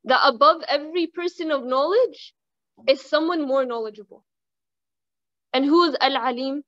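A young woman giving a casual religious reminder, chatting with the audience, asking them questions and reciting Arabic quickly. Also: high voice, a bit bright, no echo. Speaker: Islamic reminder speaker. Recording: dull lo-fi dry sound.

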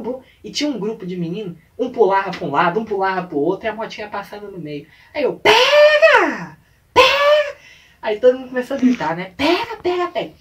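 A man tells a story to his vlog audience, animated and acting out engine noises and voices. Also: high-pitched, far from the mic. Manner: animated, acts out sounds and voices. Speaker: vlogger. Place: indoors at home late at night.

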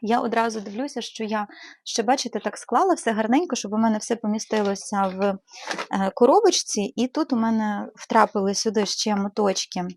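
A woman's voice: medium pitch, brisk, dry recording. A woman from Ukraine chatting casually as she shows her knitting supplies in a vlog, with frequent hesitant fillers and fond diminutives. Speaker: knitting channel host. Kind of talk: casual show-and-tell vlog.

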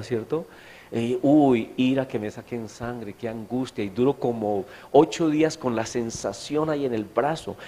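A middle-aged Colombian pastor preaches a sermon in a church meeting hall, his voice mid-range with a darkish tone. He tells stories in a chatty way and puts questions to the audience.

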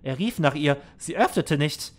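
A man reads game text aloud and comments as he plays, in an earnest, somber tone. His voice sits a bit high for a man, and he stumbles and restarts words now and then. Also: lively intonation, moderate pace. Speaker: let's play gamer. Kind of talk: reading and commenting on a video game.

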